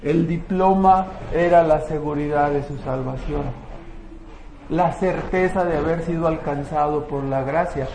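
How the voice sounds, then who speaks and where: A man's voice: on the high side, a little slow, warm tone, a little hiss or hum. A man preaching a conversational sermon, often asking the congregation rhetorical questions. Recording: echoey room, faint ambience.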